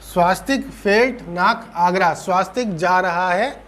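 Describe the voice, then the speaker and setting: A man with an Indian Hindi accent teaching German grammar in an online lesson, patient, repeating points and checking understanding, slowing down to spell out German words. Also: high-pitched, fairly bright tone.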